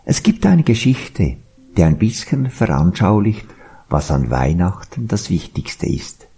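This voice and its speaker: A man's voice: deep voice, sing-song, unhurried, dark tone, faint music behind. A man hosting a short devotional radio spot, telling a story in a storyteller's manner. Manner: husky, gravelly voice.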